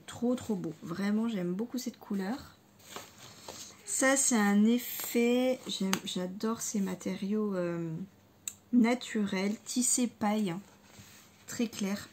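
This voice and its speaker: Speaking slowly in a medium, slightly mellow voice, this woman runs a scrapbooking haul video. Her casual talk is full of fillers, hesitations, and repeated words, though her excitement over the crafting supplies comes through.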